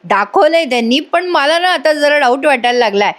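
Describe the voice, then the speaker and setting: A woman recaps a TV serial episode in a chatty voice-over, talking straight to her viewers. Her voice is high. She retells the scenes while voicing every character herself. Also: animated, fairly quick, fairly bright tone. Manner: chatty, addresses viewers directly. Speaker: TV serial reviewer.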